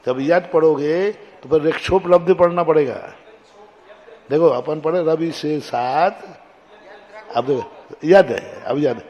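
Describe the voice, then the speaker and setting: A man teaching a class, correcting students as they recite a verse and sounding out syllables slowly to show them how. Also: fairly high pitch, darkish tone, dull audio. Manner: patient, corrective, repeats syllables slowly to demonstrate. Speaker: Jain monk teacher.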